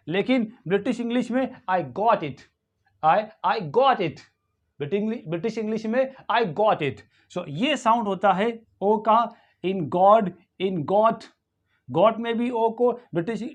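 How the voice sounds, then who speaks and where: A man with an Indian accent teaching English pronunciation in a video lesson, saying each word slowly and repeating it for practice. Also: high-pitched. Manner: slow, repeats words for drilling, mixes Hindi and English.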